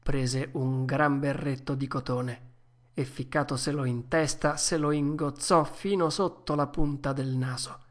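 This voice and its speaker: A woman narrating a classic children's story in a measured, expressive way. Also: rumbling low. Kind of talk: storybook reading.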